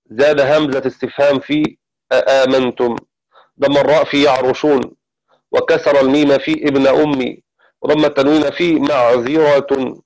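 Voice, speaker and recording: A man teaching the variant readings of the Quran in a methodical classroom lecture, pausing now and then to correct himself. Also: mid-range voice, rough recording. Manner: steady, explanatory, pauses to correct himself.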